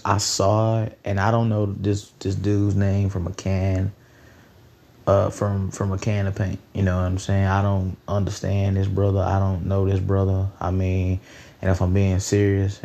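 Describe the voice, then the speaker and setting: A man's voice: sits low, creaky, a little mellow. A nineteen-year-old man hosting a solo podcast, rambling in a loose, profane, conversational way. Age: late teens. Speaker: podcast host.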